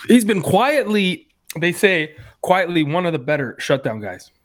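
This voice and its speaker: Male host, mid pitch, very animated, hedges a lot; casual hockey talk. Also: unhurried. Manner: animated, hedging. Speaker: podcast host. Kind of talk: casual sports chat.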